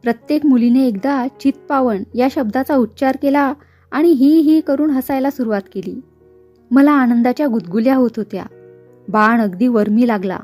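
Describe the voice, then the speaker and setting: A woman reads a novel aloud in steady first-person narration. Her voice is high-pitched yet mellow and warm in tone. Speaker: audiobook reader.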